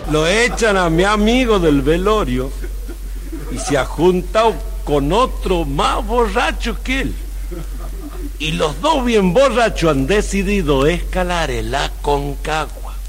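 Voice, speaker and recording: A man telling a long joke story, animated and now and then shouting. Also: high-pitched, takes it slowly, faint music behind. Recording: roomy reverb, faint noise.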